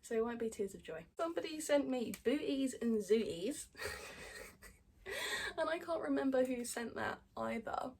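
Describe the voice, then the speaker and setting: A woman's voice: a little high, lively intonation, moderate pace, darkish tone, a little hiss or hum. A woman chatting casually as a podcast host, blunt and sweary with sarcastic asides. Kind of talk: casual chat reading out fan messages.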